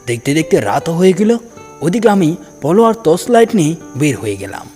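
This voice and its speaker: A male storyteller narrates a first-person ghost tale for a cartoon horror story in dramatic, scripted style, his slightly high voice swinging expressively and moving a little fast. Long, cavernous reverb surrounds him, with background music underneath.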